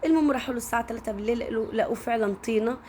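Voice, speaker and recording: Speaking very fast in a slightly high, dark-toned voice, a woman with an Egyptian Arabic accent tells a story in a relaxed, chatty way. She frequently turns to talk straight to her listeners, with slight background noise present.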